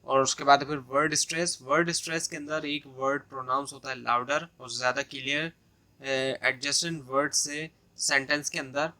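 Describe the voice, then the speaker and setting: A man's voice: mid-range voice, level tone, normal speed, pushed and bright. A man with a Pakistani accent giving an exam-prep lecture, explaining step by step and restating his points with many "so" and "uh" fillers. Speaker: tutor.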